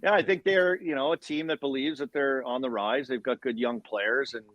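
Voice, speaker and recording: A man's voice: mid-range voice, fairly even intonation, normal speed, a bit bright, no echo, lo-fi sound. Hockey bro guy, dry close sound. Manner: hockey bro talk, slangy and chirpy. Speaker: former hockey player guest. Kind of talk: casual sports chat.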